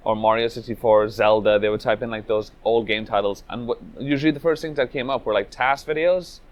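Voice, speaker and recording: A man's voice: medium pitch, fairly even intonation, a little fast. A man, telling his life story in a casual interview, loose and reflective with lots of "like" and "you know". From Venezuela, raised in Trinidad. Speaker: speedrunner interviewee.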